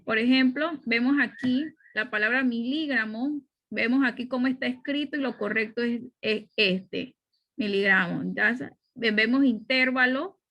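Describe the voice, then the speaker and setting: Bright-voiced woman teaching a grammar lesson. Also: fairly high pitch. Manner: explanatory, frequent "¿ya?" check-ins and fillers. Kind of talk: spoken grammar lesson over slides.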